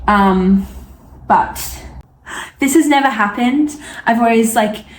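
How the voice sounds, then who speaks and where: A woman's voice: medium pitch, a little mellow, a little hiss or hum. A young Australian woman chatting casually in a knitting vlog, full of fillers and asides. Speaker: knitting vlogger.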